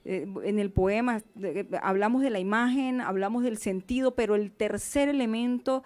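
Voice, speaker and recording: A woman's voice: on the high side, normal speed, a little mellow. A woman hosting a poetry talk in a café, asking questions with many hesitations. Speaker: host, interviewer. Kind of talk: conversational interview. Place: café event in Cali.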